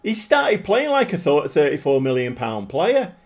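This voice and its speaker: Pitched on the high side, a man chats casually with viewers during his live stream of a football management game. He's self-deprecating and gets excited fast.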